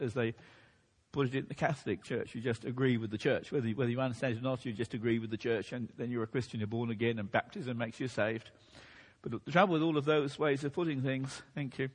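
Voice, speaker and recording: Preacher with a husky voice in a reverberant hall. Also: male voice, medium pitch. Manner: measured teaching delivery, occasional restarts. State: losing his voice a bit. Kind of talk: sermon.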